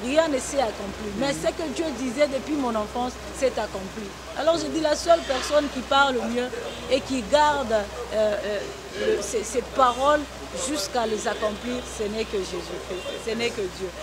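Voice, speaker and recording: This woman, a gospel singer from the Congo-Zambia border region, responds earnestly with testimony in a talk show interview, hesitating and restarting. She speaks at a moderate pace in a fairly high voice, with crowd noise in a noisy broadcast recording.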